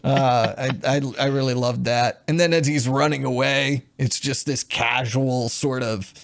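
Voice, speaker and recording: A man co-hosting a podcast in casual chat, halting with frequent fillers and chuckles. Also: medium pitch, steady tone, vocal fry, fairly bright tone. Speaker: podcast co-host.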